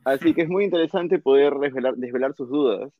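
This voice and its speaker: A man telling jokey anecdotes in casual chat, animated and playful, acting out the voices of people he quotes. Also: mid-range voice, a little fast, no room sound. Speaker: guest storyteller. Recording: tinny phone-like sound.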